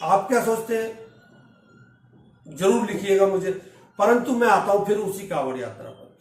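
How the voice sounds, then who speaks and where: A man's voice: high voice, lively intonation, normal speed. Guy ranting questions at his viewers, sounds far off in a roomy space. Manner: indignant rhetorical questioning. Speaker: news commentator. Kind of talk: opinion commentary.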